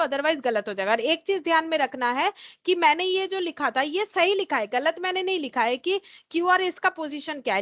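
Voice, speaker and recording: A woman's voice: high-pitched, fairly bright tone, dull audio. A woman teacher working through a test question step by step, thinking aloud and repeating each point, with English terms mixed into her talk. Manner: mixes English terms into Hindi. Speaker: reasoning teacher.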